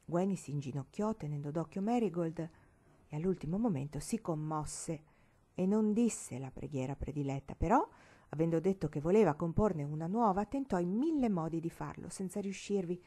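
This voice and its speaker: Una donna che legge un romanzo per ragazze, con lettura regolare ed espressiva. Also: female voice, lowish voice, expressive, moderate pace, dark tone. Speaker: reader. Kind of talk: audiobook narration.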